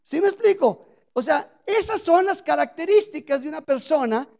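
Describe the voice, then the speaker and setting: A woman's voice: high voice, lively intonation, moderate pace, vocal fry, dark tone. A woman teaching a parable in a radio sermon, preaching conversationally and often checking in with her listeners. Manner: conversational preaching with frequent rhetorical check-ins. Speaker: Bible teacher on a radio program. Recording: dull lo-fi radio recording.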